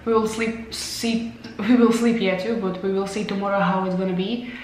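A young woman who isn't a native English speaker vlogs casually into a handheld camera held at arm's length, laughing often as her voice gives out. She is in a tiled hotel bathroom, so the room echoes, with slight background noise. Her voice is mid-range and a little mellow, with a steady tone at a normal speed.

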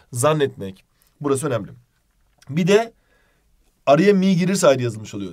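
A man teaching an exam-prep grammar lesson, speaking directly to his students and running through examples in quick lists. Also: medium pitch, darkish tone. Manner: direct, addresses students informally.

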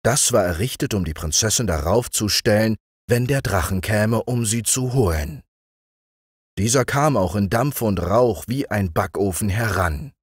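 A man reading fairy tales aloud as a bedtime audiobook, in a slow, expressive storytelling manner. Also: fairly low pitch, breathy edge, no echo, clean studio sound. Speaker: audiobook reader. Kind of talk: bedtime fairy-tale narration.

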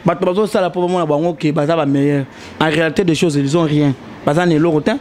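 In a fairly high voice and at a quick pace, a young man makes his arguments animatedly during a heated but casual debate, his emphasis rising as he mixes French and Lingala. Someone holds a handheld mic toward him in a small indoor studio.

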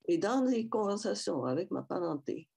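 This Saskatchewan guest speaker is an older woman with a western Canadian Métis French accent and a gravelly, husky, warm voice of medium pitch with a sing-song lilt. Her personal talk at a public event is slow and reflective, full of restarts and repetition. She is indoors in a small room at home, using a headset mic on a video call.

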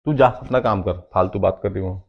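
A man's voice: low voice, fast, vocal fry, lo-fi sound. A young man arguing at home with his wife. He keeps accusing and brushes her off with needling remarks. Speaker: husband pulling a prank. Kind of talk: heated domestic argument.

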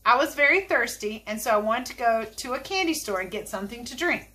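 A woman's voice: a little high, animated, brisk, bright, forceful tone. A woman voicing an innocent little boy rambling about his day, in a storybook reading.

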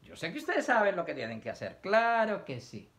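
A man's voice: high voice, wildly swooping pitch, brisk, vocal fry, a bit bright. A man teaching young children, reading a picture book aloud, asking them questions and acting out sneezes and coughs.

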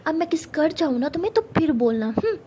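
A woman's voice: high voice, sing-song, a little fast, background noise. A woman voicing an affectionate young woman who teases her partner playfully. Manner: playful teasing.

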